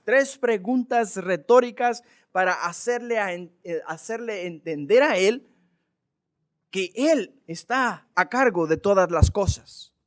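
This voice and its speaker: High-voiced pastor teaching scripture earnestly. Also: male voice. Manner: earnest, emphatic, with rhetorical questions. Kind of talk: Bible study sermon.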